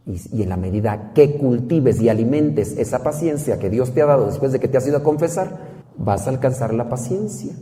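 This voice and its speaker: Mexican priest preaching in a reverberant church. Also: male voice, mid-range voice, lively intonation, fairly quick, dark tone, a little hiss or hum. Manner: folksy preaching with jokes and rhetorical questions. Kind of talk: sermon.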